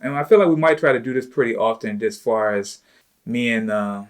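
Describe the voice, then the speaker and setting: A man's voice: mid-range voice, a little fast. A man hosting a casual chat with his wife, talking loosely and informally with plenty of "you know" and "like" fillers. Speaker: host, entrepreneur.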